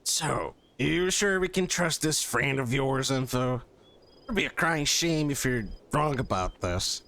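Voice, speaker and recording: A man's voice: mid-range voice, lively intonation, unhurried, bright, forceful tone. A man voicing a scheming cowboy outlaw gang boss with a drawling, skeptical Western way of talking. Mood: wary.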